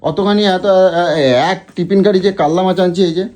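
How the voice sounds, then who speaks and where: A man's voice: high-pitched, steady tone, quick pace, darkish tone. A man with a Bengali accent playing a stingy husband who pleads and makes excuses in a comedic quarrel.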